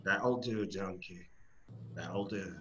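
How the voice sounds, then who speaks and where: A man's voice: high-pitched, very animated, a little slow, pushed and bright, highs cut off, heavily acted. A man as a fearless, swooping, teasing cartoon ogre. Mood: dry, calm. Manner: mocking, bossy, dry. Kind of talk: animated film script table read.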